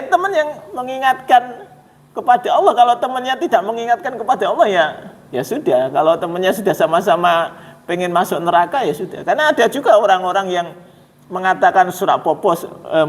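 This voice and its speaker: A man with a Javanese accent giving a storytelling sermon at a mosque, talking in a folksy, conversational way and addressing his listeners directly. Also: sits high. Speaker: preacher. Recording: echoey mosque hall.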